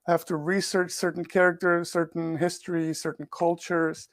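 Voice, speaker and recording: His voice sits on the high side, level in tone and at a normal speed, captured in studio quality with no room sound. He's a Portugal-raised author and researcher, a second-language English speaker, giving considered answers in a podcast interview. As he reflects, he tends to repeat words.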